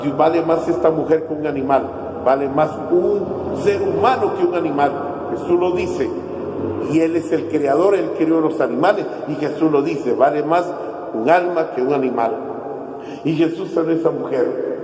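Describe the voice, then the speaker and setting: A man's voice: on the high side, normal speed, noisy background. A man preaching a sermon as pastor, emphatic and repeating his key phrases. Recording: echoey church hall, heard from far off.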